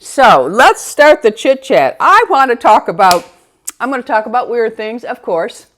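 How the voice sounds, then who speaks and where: A woman's voice: a little high, big pitch swings, normal speed, slight background noise. A middle-aged woman beauty vlogger in a casual get-ready-with-me chat, rambling conversationally and talking straight to viewers.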